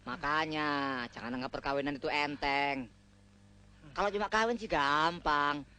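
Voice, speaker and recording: A man's voice: a little high, normal speed, pushed and bright, smooth. A bossy young man with a slightly raised voice. He barks out exercise counts and teases his friend. It is broad film-comedy acting. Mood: lecturing. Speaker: friend coaching a groom.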